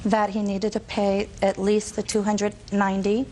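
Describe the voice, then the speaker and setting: A woman's voice: mid-range voice, completely flat delivery, normal speed, darkish tone, slight background noise. A woman testifying as a defendant in a television courtroom, defensive and insistent.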